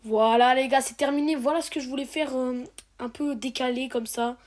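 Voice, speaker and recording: A woman's voice: sits high, steady tone, brisk, soft background music. A teenage girl talking casually over her game footage, rambling and joking with lots of hesitation. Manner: rambling and jokey, with many hesitations. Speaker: gaming video creator. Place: home recording, voice dubbed over the game footage.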